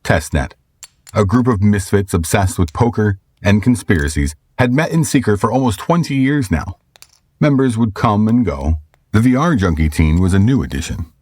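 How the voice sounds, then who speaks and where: A man narrates a scripted story in a very deep, husky voice. His delivery is measured and steady, as if reading an audiobook. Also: no room sound.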